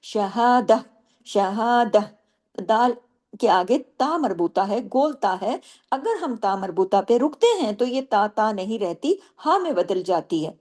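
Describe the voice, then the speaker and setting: Female tajweed teacher, slightly high voice, patient step-by-step explanations, poses her own questions and answers them, slow drawn-out recitation between points. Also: sing-song, a little mellow.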